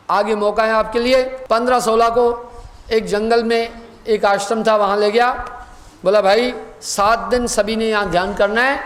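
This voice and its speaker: High-voiced man preaching in a hall. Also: fairly bright tone. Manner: storytelling, acts out dialogue, slow recited verse. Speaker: spiritual teacher. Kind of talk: sermon with a told parable.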